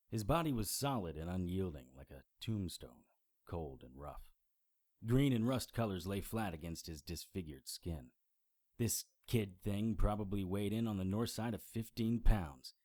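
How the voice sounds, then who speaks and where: In first person, a wry male investigator narrates his case like a noir audio drama. His low, dark voice is recorded dry, and his deadpan delivery stays unimpressed by anything strange.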